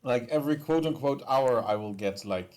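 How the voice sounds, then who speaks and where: A man's voice: medium pitch, normal speed, a little mellow. A man talking casually with fellow players while streaming a game.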